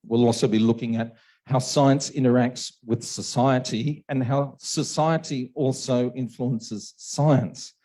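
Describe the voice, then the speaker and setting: At a university open house, a man lectures on a module in a medium-pitched, dark voice with measured pacing and fairly even intonation. He has a sore throat and is losing his voice, sounds tired, and keeps checking in with "okay" and "right." The audio is poor.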